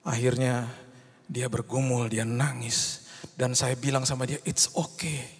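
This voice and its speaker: A man's voice: medium pitch, level tone, a little slow, gravelly, breathy edge. A male pastor preaching an impassioned sermon, slipping English phrases into his talk and rising to fervent cries. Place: church hall. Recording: long reverb of a large hall.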